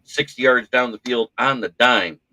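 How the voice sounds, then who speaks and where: Poor audio with no room sound carries this mid-range male voice at normal speed. Hosting a casual sports podcast on a podcast mic, he tells stories animatedly in a practiced radio voice, often poking fun at himself.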